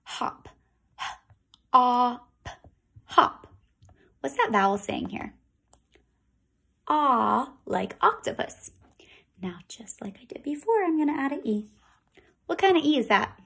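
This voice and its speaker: A woman teaching a phonics lesson to kindergarten children, with slow, sing-song teacher talk and drawn-out sounds. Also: sits high, lively intonation, gravelly, fairly bright tone.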